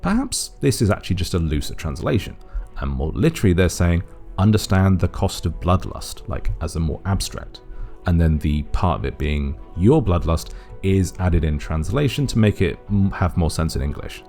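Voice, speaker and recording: A man's voice: deep voice, lively intonation, moderate pace, creaky, warm tone, faint music behind. A man narrating a methodical video essay, reasoning aloud and offering cautious guesses. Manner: methodical, speculative, thinking aloud. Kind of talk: analytical voice-over explainer.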